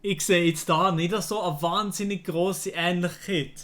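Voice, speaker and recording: A man's voice: sits high, steady tone, unhurried, a bit bright. A man with a Swiss German accent chatting casually on a livestream, exclamatory and dropping bits of English slang. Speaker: livestream host reacting.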